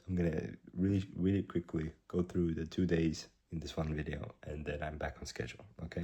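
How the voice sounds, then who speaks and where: A startup founder in his twenties records a rambling video diary in a hushed voice while slightly sick with a cough. His deep, husky voice is halting and self-correcting as he keeps it down.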